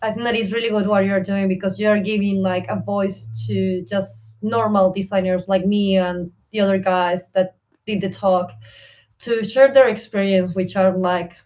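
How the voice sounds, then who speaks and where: A woman from Argentina with an Argentine Spanish accent appears as a podcast guest, a service designer chatting casually in an interview. Her mid-range voice is a little mellow and steady at a moderate pace, and she comes across as friendly and rambling, using lots of fillers.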